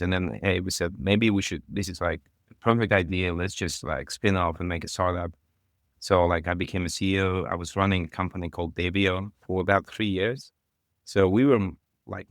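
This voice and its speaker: Guest: middle-aged man from Kazakhstan, low voice, rambling filler-heavy delivery, dry close sound. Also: no echo. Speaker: podcast guest. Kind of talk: casual interview talk.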